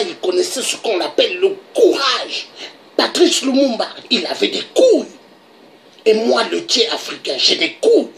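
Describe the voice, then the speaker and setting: Gravelly and on the high side, this woman's voice carries a little hiss or hum. As a political commentator from DR Congo, she gives an impassioned monologue and presses her points with force. She often punctuates them with a rhetorical "hein?" for emphasis.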